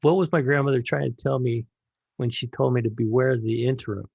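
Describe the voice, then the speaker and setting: Male podcast host, gravelly voice, meandering casual storyteller, lo-fi close mic. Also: medium pitch, fairly even intonation, a little fast, a little mellow, no echo. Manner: rambling, storytelling, frequent restarts. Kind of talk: casual conversation.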